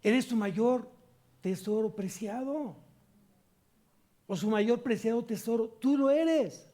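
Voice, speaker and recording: Pastor, male, high and mellow voice, emphatic sermon delivery with questions to the congregation. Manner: preaching with rhetorical questions to the congregation; slow emphatic reading of scripture. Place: church service.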